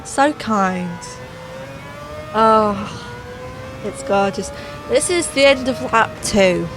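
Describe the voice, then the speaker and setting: Her voice giving out, a female gaming channel host speaks extremely slowly yet with lively intonation, offering sarcastic, exasperated voice-over on a racing game. The mid-range voice sits over clear background music, with background noise present.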